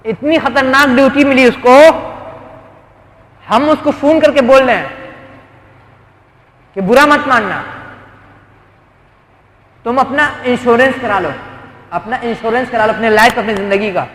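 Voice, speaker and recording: A man's voice: extremely high pitch, fairly bright tone. A man preaching a sermon, telling stories with rhetorical questions and quoted dialogue. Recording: roomy hall with long echo.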